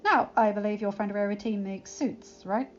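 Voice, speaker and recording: Woman reading as a young male pony guard, earnest, gentle, reassuring, lo-fi sound. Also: mid-range voice, moderate pace, close to an everyday voice. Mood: casual. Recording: slightly dull lo-fi recording, faint music.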